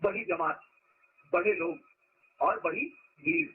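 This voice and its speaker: A man's voice: sits high, takes it slowly, narrow, tinny audio, a little hiss or hum. A man giving an informal spiritual discourse as a teacher, talking conversationally and asking rhetorical questions.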